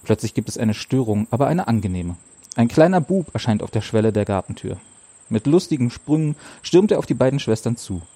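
Male audiobook narrator, measured, mid pitch, warm tone, close and dry. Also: sing-song. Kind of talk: scripted narration.

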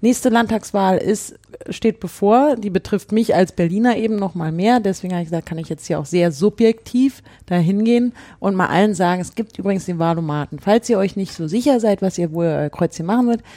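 A woman's voice: mid-range voice, brisk, few pauses, mellow. A woman hosting a casual talk show, explaining her views earnestly with hesitant restarts. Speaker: show host. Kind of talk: casual chat.

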